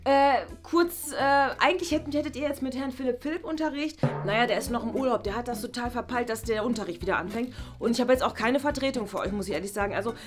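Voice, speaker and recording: In a toy play series, a woman voices Frau Bartsch, a scatterbrained, flustered teacher who stumbles over her words. She speaks fast and on the high side with hardly any pauses, lightly acted over music, hesitating constantly with "äh" and "ne?".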